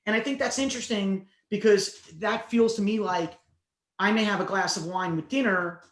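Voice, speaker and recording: A man's voice: high-pitched, steady tone, normal speed, a bit bright. A man speaking as a cannabis investor in a casual podcast discussion, teasing and bantering. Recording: echoey room.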